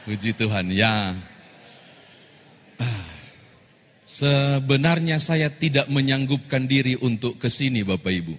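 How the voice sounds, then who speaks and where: A male pastor, giving a lively sermon and joking with the congregation. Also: medium pitch, a little slow, long pauses. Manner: lively storytelling, jokes with congregation. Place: church hall. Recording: long church-hall reverb.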